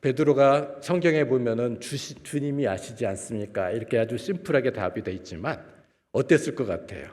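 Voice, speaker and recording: A man preaching a sermon in a church, asking the congregation questions and swinging between loud and soft phrases. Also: mid-range voice, fairly quick. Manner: asks the congregation rhetorical questions. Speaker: guest preacher, professor. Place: church sanctuary. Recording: long church-hall reverb.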